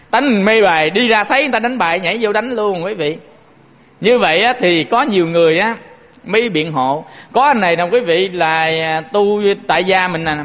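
A man with a Southern Vietnamese accent gives a Buddhist sermon in a high voice. He tells stories and keeps turning to speak to his listeners. His voice rings out in a hall with long reverb. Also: a bit bright. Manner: storytelling, addresses listeners often. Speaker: Buddhist monk.

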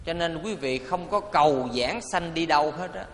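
A man, a Buddhist monk, giving a playful, animated dharma talk to an audience and leading them in chanting. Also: a little high, moderate pace, slight background noise. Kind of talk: sermon. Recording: reverberant hall, faint ambience.

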